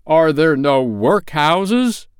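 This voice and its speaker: A man's voice: medium pitch, animated, a little slow, clean tone, no room sound, studio quality, pitched above the performer's own voice, close to an everyday voice. A man playing a grave, sorrowful spirit. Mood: stern. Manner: grave, declaiming, forceful warnings. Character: solemn, sorrowful, aging Christmas spirit, male.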